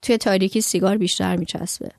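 A woman's voice: mid-range voice, steady tone, vocal fry, darkish tone, dry recording, lightly acted. A woman voicing a self-assured, teasing teenage boy in a story she reads aloud, in a casual tone.

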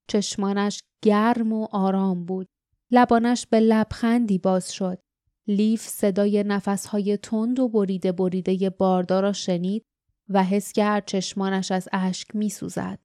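Woman reading an audiobook, mellow voice, dry close sound, steady. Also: mid-range voice, dry recording. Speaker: audiobook narrator. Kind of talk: scripted narration.

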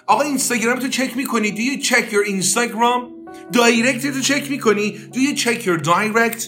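A man's voice: sits high, pushed and bright. A man teaching English on a podcast, coaching listeners through repeated drill phrases. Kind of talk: podcast language lesson.

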